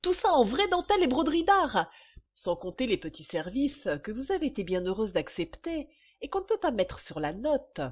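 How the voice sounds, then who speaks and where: A woman's voice: very animated, moderate pace, warm tone, breathy edge. A woman reading aloud, voicing a grasping, spiteful old linen-maid. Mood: indignant. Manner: shrill, nagging.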